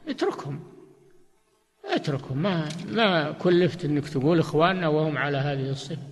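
A man's voice: on the high side, a bit bright. Older man giving firm religious rulings in a hall. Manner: firm, curt answers with sudden stressed words. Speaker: scholar answering questions. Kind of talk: fatwa Q&A session. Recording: reverberant hall recording.

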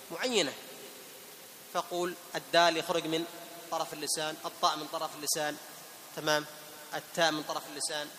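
High-voiced man teaching Quran recitation. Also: sharp tone, big-room sound, slight background noise. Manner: patient, questioning students, demonstrating words slowly. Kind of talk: tajweed lesson to a class.

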